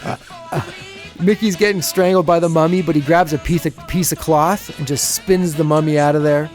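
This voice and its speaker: A man's voice: fairly high pitch, fairly even intonation, normal speed, a little mellow, faint music behind. A man co-hosting a podcast, recapping an episode in a casual, chatty way and often chuckling as he goes. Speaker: podcast co-host.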